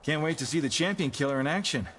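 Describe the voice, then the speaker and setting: A man's voice: on the high side, quick pace, fairly bright tone, a little hiss or hum, lightly acted. An actor voicing a weary male soldier commander in a video game, earnest and commanding. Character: weary male soldier leader, grim and loyal.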